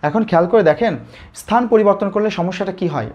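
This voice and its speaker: A man's voice: high-pitched, fairly quick, darkish tone. A male teacher with a Bangladeshi Bengali accent, giving a live online grammar lesson, who asks questions and then answers them himself. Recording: slightly dull lo-fi audio.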